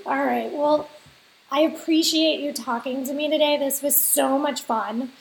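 Female podcast host, high gravelly voice, slow pace, roomy echo, faint hiss. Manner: slow and relaxed, laughs easily. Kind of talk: casual interview chat.

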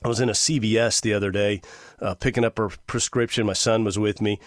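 Middle-aged man, talk radio host, lowish voice, dry studio sound, emphatic and chatty. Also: fairly even intonation, quick pace, dry recording. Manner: conversational, emphatic, with fillers.

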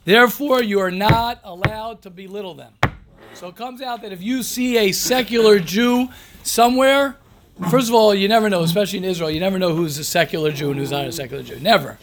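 A rabbi leads his daily informal religious class in a high, slightly quick voice, with a crowd audible behind him. He reads passages aloud and comments on them emphatically, repeating phrases and posing rhetorical questions.

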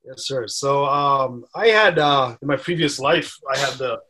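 A man talking casually as a podcast guest, an animated storyteller who laughs often. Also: mid-range voice, measured pace, slight background noise. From Dubai. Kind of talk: casual interview chat.

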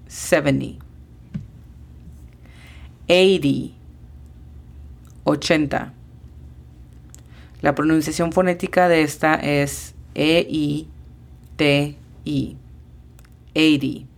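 Slow, low-voiced woman teaching English. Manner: slow, patient, spells out pronunciation letter by letter. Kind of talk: podcast language lesson.

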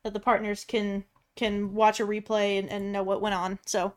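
A woman's voice: medium pitch, little pitch movement, moderate pace. A woman co-hosting a podcast, chatting casually with lots of fillers. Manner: filler-heavy, laughs often. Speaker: podcast co-host.

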